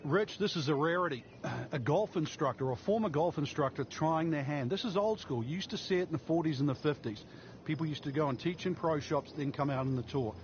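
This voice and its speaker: A man working as a golf commentator, giving measured, explanatory analysis of the play. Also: on the high side. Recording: dull lo-fi game audio, faint noise.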